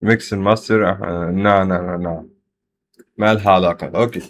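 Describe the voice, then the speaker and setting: A man hosting a music reaction, talking in an excited, chatty, slang-heavy way. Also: deep voice, fairly quick, a little hiss or hum. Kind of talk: casual reaction commentary.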